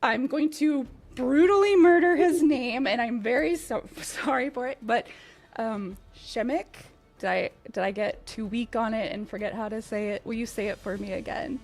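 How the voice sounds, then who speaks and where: A woman's voice: fairly high pitch, creaky, a little mellow, faint music behind. A woman hosting a live game stream. She is easygoing and laughs often while she plays and explains. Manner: giggly, easygoing, unhurried. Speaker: stream host.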